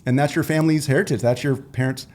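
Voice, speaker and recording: A man's voice: medium pitch, fairly even intonation, fast talker, darkish tone. A man hosting a podcast, chatty and upbeat, with casual surfer slang. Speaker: podcast host. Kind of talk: casual interview chat.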